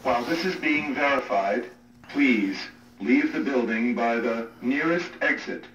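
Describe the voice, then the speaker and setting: Brief: male PA alarm announcer, calm and even, heard through a distant, muffled loudspeaker with faint hiss. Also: medium pitch. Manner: calm, measured, even delivery. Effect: public address loudspeaker announcement. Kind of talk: automated emergency announcement. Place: hotel corridor. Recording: echoey, muffled loudspeaker from far off.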